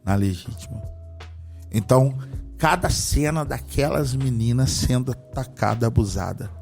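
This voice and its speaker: A man's voice: medium pitch, unhurried, gravelly, darkish tone, soft background music. A man from Brazil, an apostle guest, talking about faith in a fervent, preaching way and firing off rhetorical questions. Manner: fervent, emphatic, often asks rhetorical questions. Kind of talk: religious conversation with preaching.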